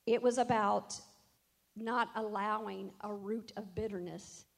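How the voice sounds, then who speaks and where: A woman's voice: medium pitch, steady tone, unhurried, creaky. A middle-aged woman, a worship leader, telling a personal faith testimony in an earnest, reflective way and quoting scripture.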